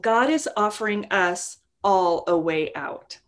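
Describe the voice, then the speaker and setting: A woman's voice: medium pitch, lively intonation, slow. A woman giving an informal devotional talk to a women's group, earnest and chatty, with many "you know" asides. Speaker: women's Bible study teacher.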